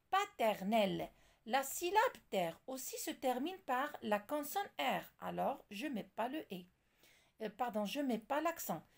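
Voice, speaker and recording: A woman teaching French walks through examples slowly and deliberately. Her fairly high voice rises and falls a lot, with a gravelly edge at the ends of phrases. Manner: slow, deliberate, spells out examples. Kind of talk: classroom lesson explanation.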